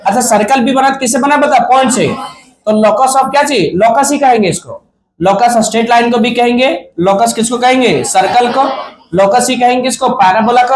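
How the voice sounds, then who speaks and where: A man teaching a physics class, asking the students questions, answering them himself and joking with them. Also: extremely high pitch. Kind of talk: classroom lecture. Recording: echoey classroom with student crowd.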